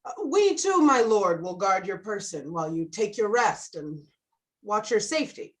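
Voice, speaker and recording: A woman's voice: medium pitch, big pitch swings, moderate pace, lightly acted. A woman playing a flippant, witty, scheming noble in a Shakespearean drama, tossing out mocking quips. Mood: smooth, sly. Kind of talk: Shakespearean stage drama performance.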